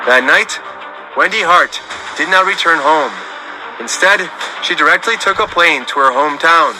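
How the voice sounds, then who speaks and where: A man narrating a serialized story in an even storytelling manner. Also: fairly high pitch, rough recording. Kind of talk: scripted narration.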